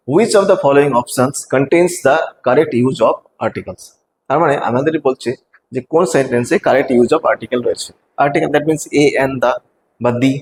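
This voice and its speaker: A man's voice: fairly high pitch, big-room sound, a little hiss or hum, low-quality recording. Man teaching a grammar lesson. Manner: explains step by step, asks rhetorical checks; reads example sentences slowly and deliberately. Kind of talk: exam-prep grammar lesson.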